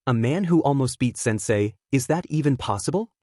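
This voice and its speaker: An eager, polite teenage boy, earnest and a touch hesitant with his elders, as a man voices him in a storybook. The voice swings through lively pitch in a dry, close recording. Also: normal speed, no echo, close to an everyday voice.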